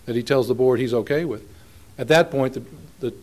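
A man, an attorney giving oral argument in a courtroom, speaking in a measured, halting way with frequent restarts. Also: medium pitch, a little mellow, a little hiss or hum. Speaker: appellate attorney.

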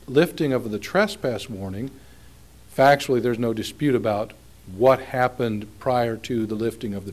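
A man, an attorney giving oral argument in a courtroom, speaking in a measured, halting way with frequent restarts. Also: mid-range voice, darkish tone. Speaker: appellate attorney.

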